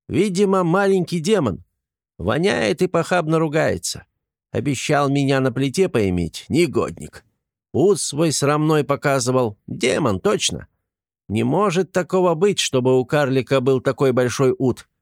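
A man voicing a stout, bossy woman of forty who runs a kitchen and scolds loudly. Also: on the high side, gravelly, no echo, clean studio sound, pitched above the performer's own voice. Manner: brash, scolding.

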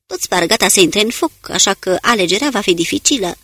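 A woman voicing a calm commanding soldier. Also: slightly rough, no room sound. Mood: steady. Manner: terse low-voiced orders. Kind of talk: audiobook character reading.

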